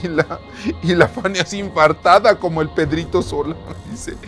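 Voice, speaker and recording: A man's voice: fairly high pitch, fairly even intonation, moderate pace, a bit bright, soft background music. A man with a Mexican accent hosts a comedy show, laughing and teasing as he reads chat messages aloud, with crude slang. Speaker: host.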